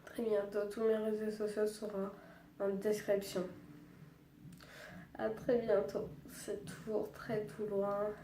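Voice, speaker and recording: Young woman vlogger, quiet and halting, subdued and sad; dark mellow tone, slow delivery. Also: medium pitch, little pitch movement, echoey room, distant mic, a little hiss or hum. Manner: quiet, hesitant, halting speech. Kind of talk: personal testimony vlog.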